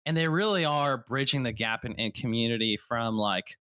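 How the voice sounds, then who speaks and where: Male podcast host, bright upbeat tone, dry close mic, jokey and eager. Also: medium pitch, smooth, dry recording. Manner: excitable, quick, joking. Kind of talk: casual podcast chat.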